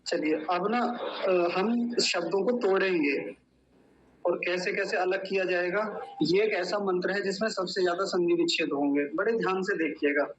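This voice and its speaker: A man teaching Sanskrit mantra pronunciation in an online class, chanting slowly and deliberately syllable by syllable. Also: sits high, lo-fi sound, slight background noise.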